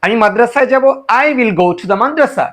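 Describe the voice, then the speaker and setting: A man teaching a spoken English lesson, a Bengali speaker who repeats example sentences slowly and translates each one. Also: extremely high pitch, animated, fairly bright tone.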